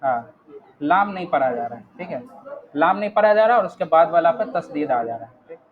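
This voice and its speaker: A man's voice: fairly high pitch, expressive, a little fast, narrow, tinny audio. A man teaching an Arabic grammar class online, patiently walking students through each word and often checking whether they follow.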